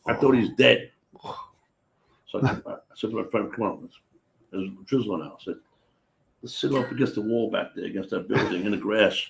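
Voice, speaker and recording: A man's voice: lowish voice, normal speed, creaky, pauses often, slight background noise. A man in his sixties hosting a casual chat, telling stories animatedly and acting out the voices of the people in them. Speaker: host.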